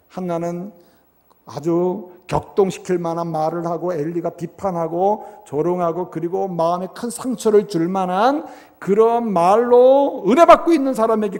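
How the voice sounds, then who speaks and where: A male pastor preaching a sermon in a church, emphatic and animated, often turning to the congregation with quick rhetorical asides. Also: high voice, long reverb tail. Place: church sanctuary.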